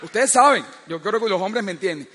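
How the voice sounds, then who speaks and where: A male preacher with a very high voice delivers a sermon through a personal story, stumbling over repeated words as he goes. He keeps turning to the congregation with quick questions. His voice rings out with a long, echoing hall reverb. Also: animated, a bit bright, a little hiss or hum. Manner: storytelling, often asks the listeners "¿sabes qué?"; frequent stammered restarts.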